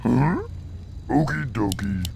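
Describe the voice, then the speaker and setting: A man voicing a simple, servile orc labourer in a fantasy video game, answering in short, clipped, gravelly replies. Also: medium pitch, lively intonation, slow, heavy background noise, exaggerated voice. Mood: dutiful. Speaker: game unit voice. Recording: loud game music behind.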